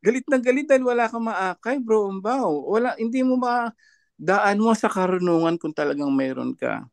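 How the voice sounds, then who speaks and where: A man's voice: high-pitched, animated, moderate pace, vocal fry, no echo. A man commenting as a panelist in an online discussion, mocking and laughing often between his points.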